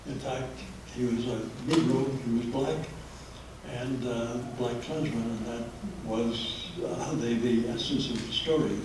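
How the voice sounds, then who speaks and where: A man gives a public history talk to an audience in a meeting room, speaking at a medium pitch with fairly even intonation and an unhurried pace, full of hesitant fillers. He uses a handheld microphone that he sometimes holds low, and the recording is echoey and distant, with a noisy background.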